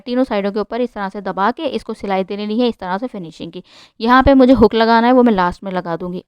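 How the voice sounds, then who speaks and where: Fast-talking woman narrating a sewing tutorial. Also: medium pitch, a little mellow, smooth, no room sound. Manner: rushed, instructive, repeats "like this". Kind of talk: step-by-step sewing tutorial voice-over.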